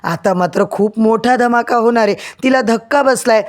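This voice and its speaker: A man's voice: very high voice, normal speed. A man narrating a drama serial recap, addressing viewers and building suspense.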